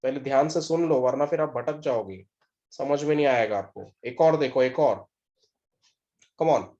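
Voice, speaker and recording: A man's voice: mid-range voice, moderate pace, mellow, lo-fi sound. A man teaching a math class, quizzing his students again and again with short questions and mixing phrases into his talk. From India. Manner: drills students with repeated questions, mixing English into Hindi. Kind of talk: classroom lecture.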